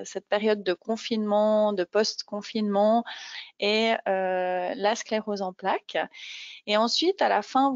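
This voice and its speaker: A woman's voice: mid-range voice, darkish tone, no room sound. Woman hosting an online talk, casual intro, kinda hesitant, dry slightly muffled audio. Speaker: webinar host. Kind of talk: informal live introduction.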